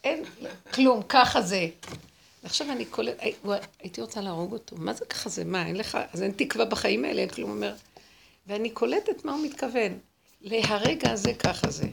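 Gravelly woman teaching a dramatic lesson. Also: mid-range voice, slight background noise. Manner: animated, dramatic storytelling. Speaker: teacher of a spiritual class. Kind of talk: emotional spiritual lesson with acted-out quotes.

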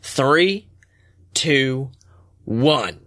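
A man's voice: mid-range voice, lively intonation, very slow, fairly bright tone. Man doing Rebus, a dry stern bartender. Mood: officiating. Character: stern male bartender running a contest.

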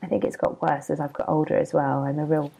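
A woman's voice: low voice, quick pace, gravelly, mellow, husky. A woman in her thirties hosting a casual solo podcast, chatty and self-deprecating, rambling into asides, a bit hungover. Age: 30s. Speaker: podcast host and blogger.

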